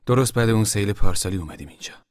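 A man voicing a young grown son who speaks quietly and in a subdued way. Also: fairly low pitch, lively intonation, no echo, clean studio sound, lightly acted.

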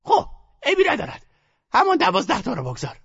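A shrill old grandmother in a frenzy, put on by a man, her high voice leaping wildly up and down as she snaps orders in a rustic manner. She sounds urgent and bossy, with no patience at all. The recording is dull and muffled. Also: wildly swooping pitch, gravelly, fairly bright tone, husky, long reverb tail, exaggerated voice. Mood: excited, bossy. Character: frantic old grandmother gambling at roulette.

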